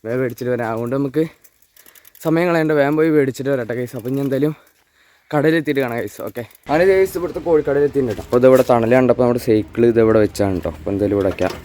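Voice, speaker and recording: A man's voice: mid-range voice, rapid-fire, mellow. A young man with a Thrissur Malayalam accent vlogging casually, mixing English words into Malayalam and often addressing his viewers. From Kerala, India. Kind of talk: casual day-in-the-life vlog. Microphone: handheld camera or phone without external mic.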